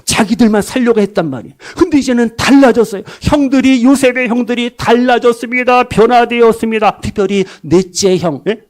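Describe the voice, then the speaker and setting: A man preaching with a high voice that leaps from loud bursts to hushed, low asides. He keeps asking the congregation questions and answering them himself. Now and then he acts out short everyday lines in little voices of their own. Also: a little fast, hardly any pauses. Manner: dramatic swings between loud bursts and soft low asides. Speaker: pastor. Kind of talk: sermon.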